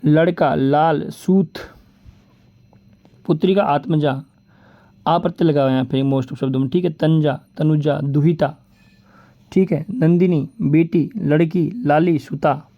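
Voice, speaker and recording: A man's voice: fairly high pitch, fairly even intonation, dull audio. A man teaching an exam-prep vocabulary lesson, reeling off word lists and often repeating "ठीक है". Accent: Rajasthani Hindi. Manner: lists words rapidly, repeating "ठीक है" and "बोलते हैं"; addresses viewers as "दोस्तों" and "भाई".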